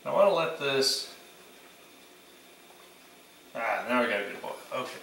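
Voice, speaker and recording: A man's voice: medium pitch, lively intonation, unhurried, gravelly, a bit bright. A man in his sixties casually hosting a home cooking demonstration, talking informally as he works in his kitchen. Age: 60s. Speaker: home cooking channel host. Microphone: camera a few meters away. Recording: roomy echo, distant mic, faint kitchen noise.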